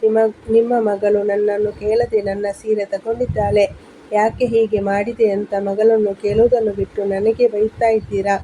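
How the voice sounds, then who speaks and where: A woman's voice: medium pitch, level tone, moderate pace, warm tone, slight background noise, natural voice, rough recording. A woman voicing an angry young wife who argues back firmly against her mother-in-law. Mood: indignant. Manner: firm, indignant arguing.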